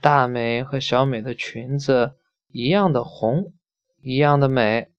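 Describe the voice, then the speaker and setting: A reader voicing a calm, fair little cat that answers evenly in a storybook reading. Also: mid-range voice, a little slow, natural voice. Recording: dull lo-fi recording.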